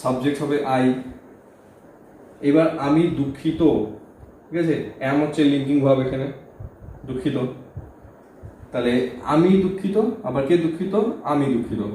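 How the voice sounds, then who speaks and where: A man's voice: mid-range voice, steady tone, moderate pace, pauses often, warm tone. A man teaching English grammar in Bengali, explaining step by step and often checking "okay?" with his students. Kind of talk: board lesson explaining grammar. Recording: very echoey room, faint background hum.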